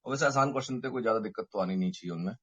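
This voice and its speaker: A man's voice: fairly low pitch, rapid-fire, fairly bright tone, husky, dull audio. A man teaching a math lecture online, working through each step and checking in with his students, mixing English terms into his talk. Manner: mixes Hindi and English terms. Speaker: mathematics teacher. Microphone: microphone.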